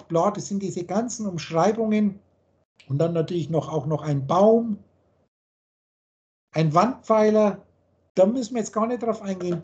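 A man's voice: sits high, a little mellow, lo-fi sound. A man lecturing on a video call and explaining the meaning of words letter by letter, in the manner of a spiritual teacher. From Germany.

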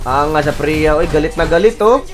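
Excitable young man shouting game callouts. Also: fairly high pitch, brisk. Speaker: gamer streaming a mobile battle game. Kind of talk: casual gameplay commentary.

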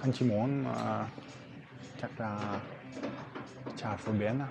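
Người đàn ông nước ngoài nói tiếng Việt bập bẹ. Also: male voice, lowish voice, fairly even intonation, vocal fry, over music. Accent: foreign. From outside Vietnam, a foreigner. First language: not Vietnamese. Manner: halting, broken Vietnamese with searching and repeated words. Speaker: vlogger. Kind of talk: casual chat with strangers. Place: inside a restaurant. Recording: busy eatery chatter around the voice. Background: crowd chatter.

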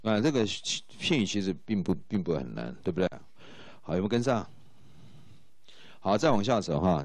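A man's voice: deep voice, a little mellow, no echo. A man teaching English to exam students, explaining in Mandarin with English phrases and often checking if students follow. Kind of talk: exam-prep lecture.

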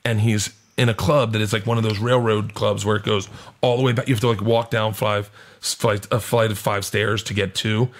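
Animated laughing male storyteller. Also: fairly low pitch, a little fast. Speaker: guest comedian. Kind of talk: podcast storytelling.

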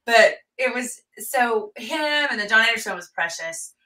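A woman, a country singer and fiddler, telling stories as a guest in a lively interview, acting out quotes with loud bursts. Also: a little high, unhurried, reverberant, distant mic, poor audio. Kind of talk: storytelling interview chat.

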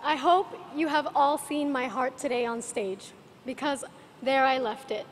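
A woman's voice: high-pitched, unhurried. A woman in her twenties from Cuba giving an earnest stage speech as a pageant contestant. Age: 20s. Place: large auditorium stage. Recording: echoing hall, slight noise.

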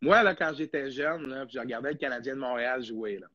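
A man's voice: medium pitch, fast, highs cut off, crowd noise. A young man with a Québécois French accent hosting a casual live podcast, chatty and rambling with lots of fillers. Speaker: podcast host.

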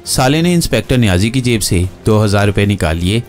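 Guy playing a rough fat cop, low voice, jeery and braggy. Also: expressive, brisk, a little mellow, faint music behind, lightly acted. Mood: rough jeering. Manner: coarse, boastful. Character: fat rough male constable, jeering.

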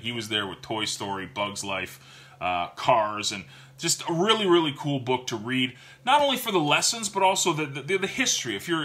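A man in his thirties reviews books in a casual vlog, recorded on a desk webcam in his home office lined with bookshelves. His medium-pitched voice is bright and forceful, and he's chatty and animated, gesturing a lot, restarting sentences and repeating words while he thinks.

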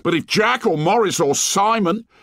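A man's voice: high-pitched, animated, normal speed, fairly bright tone, no room sound, clean studio sound, pitched above the performer's own voice. A man voicing a whiny, indignant schoolboy who complains in an aggrieved, plaintive way, as an audiobook reader. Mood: whining.

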